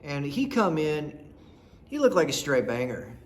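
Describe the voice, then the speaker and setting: This storyteller host, a rural Nebraska man in his thirties, rambles through casual personal tales with folksy bluntness. He speaks at a measured pace in a sing-song voice on the high side, and there's slight background noise.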